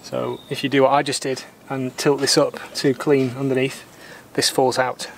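A man in his thirties calmly explaining, step by step, how he repairs a boat part outdoors. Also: medium pitch, moderate pace, creaky, a little hiss or hum. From Britain. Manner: calm, methodical, plain-spoken, mildly opinionated. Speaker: sailor doing boat repairs. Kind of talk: explaining repair steps while working. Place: outdoors in a garden workshop.

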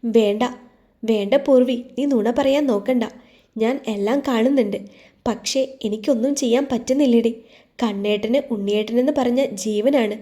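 A woman voices a young woman in a storybook, weighed down by guilt and close to tears. She pleads softly, her voice slightly high and warm. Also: moderate pace, close to an everyday voice. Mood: pleading. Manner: pleading, soft.

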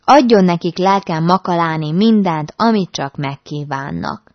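A woman voicing an old country nobleman who plays host, gruff and mock-modest. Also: lowish voice, dry recording, lightly acted. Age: older. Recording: dull dry recording.

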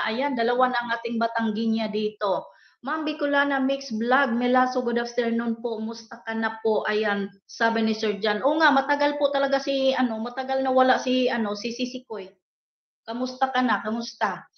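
A woman hosting a casual livestream, politely reading out viewers' names and greetings in a chatty way. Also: a little high. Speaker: livestream host. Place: indoors, worker's home abroad. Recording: echoey room, dull lo-fi sound.

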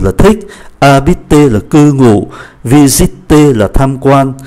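Man, French pronunciation lesson, average pitch, slow careful example words, brisk explanations. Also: mellow. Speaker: French teacher.

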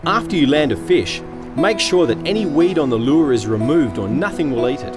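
A man's voice: a little high, animated, fairly quick. An Australian man reading scripted fishing-show voice-over narration. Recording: voice-over with loud guitar music.

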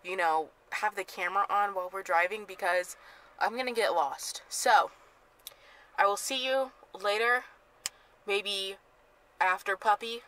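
A young woman rambling excitedly in a casual vlog, talking to her handheld camera. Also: medium pitch, a little slow, pauses often, a little hiss or hum, low-quality recording. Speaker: vlogger. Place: bedroom, then a parked car.

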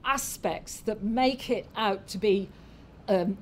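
A woman speaker retells a folk tale as part of a talk, in a mid-pitched voice. She goes slowly, pausing and restarting her phrases as she goes. Faint noise sits behind her. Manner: unhurried, halting storytelling with restarts. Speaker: anthropology speaker.

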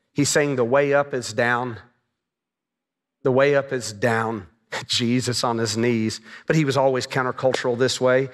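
Middle-aged guy preaching on a big stage, kinda high voice, lots of echo. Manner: animated storytelling preacher, gestures a lot. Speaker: pastor. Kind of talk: sermon. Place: large church stage. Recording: long reverb of a large hall.

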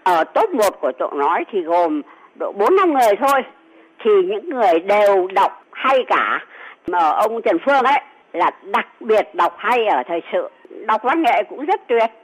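High-pitched man with lively intonation. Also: moderate pace, rough recording. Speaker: interviewee praising a colleague. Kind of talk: casual appraisal in an interview.

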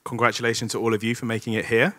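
A man's voice: mid-range voice, little pitch movement, rapid-fire, bright, forceful tone. A man giving the opening words and housekeeping announcements at a conference, upbeat and lightly joking, speaking into a stage microphone in a large hall.

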